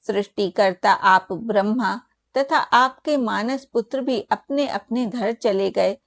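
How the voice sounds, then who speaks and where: A woman voicing the male sage Narada, asking questions in a slow, reverent tone. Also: mid-range voice, no echo. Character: sage Narada, a curious devout male seer.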